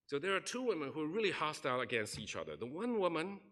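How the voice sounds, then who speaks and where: A pastor delivers a sermon in a church sanctuary with a fast, sing-song voice that's on the high side and a bit bright. He earnestly recounts a story, performing the quoted people as he goes.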